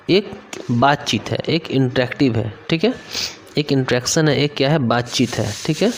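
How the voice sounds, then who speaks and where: A young man from India with a Bihari Hindi accent, teaching an online exam-prep lesson, reading English lines slowly and then explaining them in Hindi, often checking in with his listeners. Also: mid-range voice. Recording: faint background noise.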